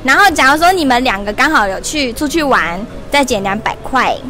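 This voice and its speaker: Bubbly high-voiced young woman hosting. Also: expressive, fairly quick, bright, forceful tone, faint music behind. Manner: bubbly, laughing, chatty. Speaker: livestream shopping host. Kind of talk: lively live-stream product promo. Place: large indoor shopping mall store. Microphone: wired lapel mic held in hand.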